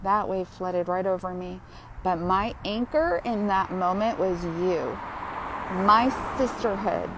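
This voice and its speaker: A woman with a mid-range, animated voice hosts a live-streamed grief healing session while walking outdoors. She speaks slowly in a heartfelt, chatty way and often breaks into laughter, with noise in the background.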